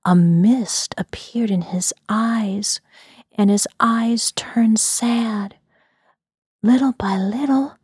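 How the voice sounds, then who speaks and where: Casting: woman storyteller, slow hushed delivery, mellow and husky. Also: on the high side, dry recording, studio quality. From US Midwest. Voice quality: soft, breathy whisper. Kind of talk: whispered storytelling.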